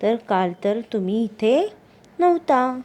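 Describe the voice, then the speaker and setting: A woman teaching a primary school class with a Marathi accent. She explains slowly, asks the pupils questions and answers them herself, and recites a poem in a sing-song voice. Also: a little high, very animated, a little mellow.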